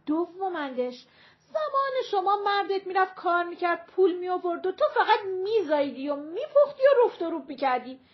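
A woman voicing a loud, harried young mother on a bus who complains shrilly in colloquial speech. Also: extremely high pitch, big pitch swings, highs cut off, pitched above the performer's own voice. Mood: complaining.

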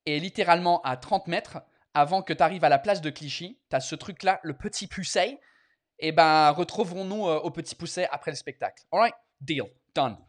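A man with a fairly high voice talks at a normal speed. He's a comedian host who swears freely and switches between French and English in a casual live chat.

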